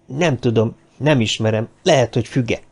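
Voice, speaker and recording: A man's voice: medium pitch, a little mellow, close to an everyday voice. A man voicing a frightened man lying hidden and reporting over a radio link in an audiobook. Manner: halting, anxious.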